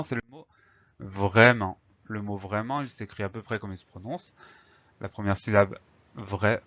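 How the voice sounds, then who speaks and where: A man teaching a spelling lesson, slowly spelling out words letter by letter. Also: fairly low pitch, a bit bright, highs cut off.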